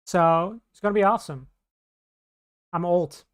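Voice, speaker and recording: Rambling woman streamer, low and clear. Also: unhurried. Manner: rambling, scattered, with many restarts. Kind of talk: casual live-stream chat.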